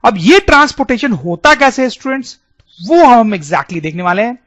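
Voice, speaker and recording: A man's voice: very high-pitched, big pitch swings, normal speed, a bit bright, dry recording. A man teaching a biology lesson over diagrams, often repeating key terms and calling on the students. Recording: dull, dry lo-fi sound.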